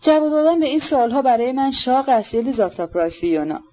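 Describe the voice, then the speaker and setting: A woman reading an audiobook, voicing a gentle, earnest young nobleman who speaks softly and sincerely. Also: high voice, animated, dull audio, pitched above the performer's own voice. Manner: soft, hesitant, sincere.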